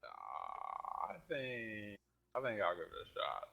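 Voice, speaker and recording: A man's voice: on the low side, huge pitch swings, takes it slowly, creaky, pushed and bright, slightly rough. A man playing a tabletop game, adding laid-back, wry remarks. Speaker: player. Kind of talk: casual tabletop game chat.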